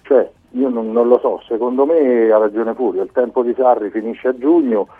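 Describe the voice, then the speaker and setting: A man's voice: mid-range voice, steady tone, normal speed, husky. A man calling in to a radio show over the phone, a blunt, grumbling football fan. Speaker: caller. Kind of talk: sports call-in rant. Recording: tinny phone line with faint music.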